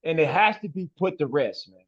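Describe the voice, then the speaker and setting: Guy, forceful talker, says man a lot, kinda high voice, muffled audio. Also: expressive, brisk. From west side of Chicago. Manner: emphatic, ends phrases with "man" and "bro". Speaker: guest. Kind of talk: casual interview talk.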